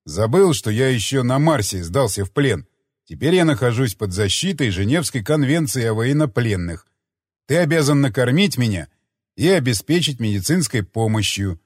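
A cowardly, scheming soldier in an audiobook, whining and pleading in a husky voice that rises and falls a lot, played by a male reader. The sound is dry and close. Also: mid-range voice, big pitch swings, moderate pace, darkish tone, no echo.

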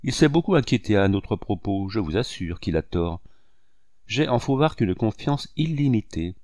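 A man's voice: fairly low pitch, very animated, normal speed, dark tone, dry recording, studio quality. A man reading aloud and voicing a gracious homebound wife, affectionate and lightly ironic.

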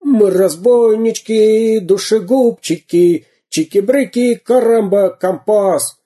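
Brief: man reading as a bellowing pirate captain, raised husky voice. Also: high voice, slow pace, pitched above the performer's own voice, exaggerated voice. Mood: singing. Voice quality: bellowing, shouty. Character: boisterous bearded male pirate captain, boastful and loud.

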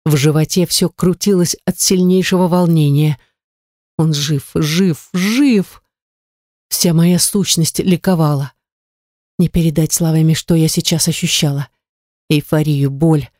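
A woman's voice: lowish voice, warm tone, no echo, studio quality. A woman narrating a first-person story in an emotive, dramatic reading. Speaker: audiobook narrator.

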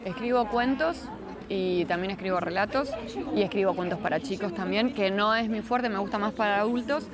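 Interviewed as a guest at an event in a busy brewery bar, a children's science entertainer and writer answers questions in casual chat. She has an Argentine Rioplatense accent, average pitch and moderate pace, and speaks informally, with slang and strong opinions. Crowd and street noise are clearly audible.

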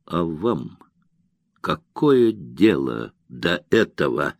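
A man's voice: deep voice, very animated, very slow, gravelly, dry recording, studio quality, heavily acted. A man voicing a haughty cavalry officer who answers coldly and curtly. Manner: cold, curt, haughty. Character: cold, arrogant male cavalry officer.

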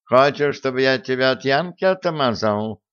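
A man's voice: mid-range voice, lively intonation, normal speed, fairly bright tone, smooth, no room sound, voice pushed up, close to an everyday voice. A man reading an audiobook voices a cheeky, bossy male tomcat with a brash, needling manner, on a dull lo-fi recording. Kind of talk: audiobook character voicing.

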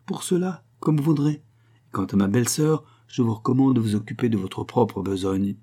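A man's voice: mid-range voice, normal speed, warm tone, natural voice. A man reading the part of a hostile, imperious baronet, cold and cutting in his questions. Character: haughty, hostile baronet, middle-aged man.

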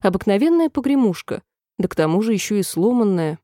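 A woman's voice: mid-range voice, big pitch swings, fairly quick, dark tone, no room sound, clean studio sound, close to an everyday voice. A woman voicing a polite, curious little girl in a storybook reading, speaking earnestly and asking questions.

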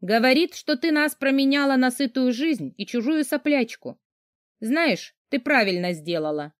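A smug young sister, voiced by a woman narrator talks in a mocking, sneering tone, a little higher than the narration. The reading is dry and close to the mic. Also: animated, normal speed, no room sound.

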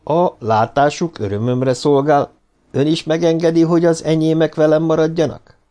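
A man's voice: a little high, steady tone, mellow, voice pushed up, lightly acted. An aging, haughty male head of an institute, as a male audiobook reader puts him on. He speaks in clipped, dismissive questions. The voice sits well above the narrator's own register. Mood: formal.

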